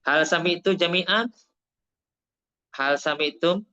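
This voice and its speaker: With a voice on the high side, bright and forceful, an Indonesian man with a Javanese accent teaches Arabic in an online class. He uses both Arabic and Indonesian and slowly repeats things while explaining. The sound is lo-fi.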